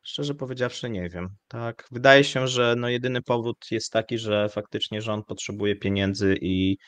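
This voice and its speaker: A man hosting live economic commentary, speaking in a measured, hesitant way with frequent fillers. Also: on the low side, fairly even intonation, fairly bright tone, dry recording. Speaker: show host.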